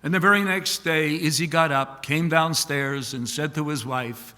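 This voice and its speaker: Rabbi telling jokes at a eulogy. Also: male voice, fairly high pitch, moderate pace. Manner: animated joke-telling, folksy asides. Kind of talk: eulogy with humorous storytelling. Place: synagogue sanctuary. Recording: long reverb of a large hall.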